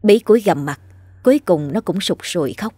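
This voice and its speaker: Low, husky woman narrating a ghost story. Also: expressive, moderate pace, mellow, no echo, soft background music.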